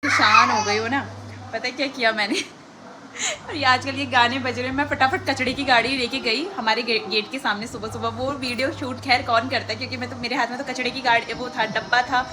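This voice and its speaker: A woman's voice: fairly high pitch, fairly even intonation, brisk. Irritated young woman ranting at home. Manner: irritated and ranting, half laughing. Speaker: family vlogger. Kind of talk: live vlog filmed at home. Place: at home beside a window facing a road. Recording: noisy home recording with road noise.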